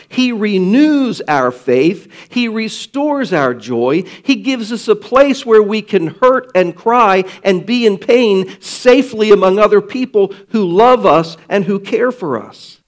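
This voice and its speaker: Male pastor, sermon delivery, unhurried and emphatic, slightly high voice. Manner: slow, emphatic preaching with dramatic pauses.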